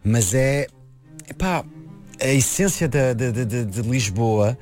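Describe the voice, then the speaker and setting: A man's voice: medium pitch, expressive, slow pace, darkish tone, soft background music. A man born and raised in France, a film director speaking Portuguese as an in an interview, hesitant and full of restarts. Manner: hesitant, many restarts and repeated words. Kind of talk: conversational interview.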